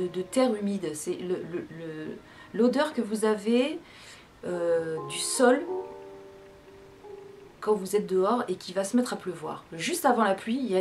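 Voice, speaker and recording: Woman, casual review vlogger, hesitant and chatty, music underneath. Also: medium pitch. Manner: chatty, hesitant with many fillers and restarts. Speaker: tea vlogger. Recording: background music.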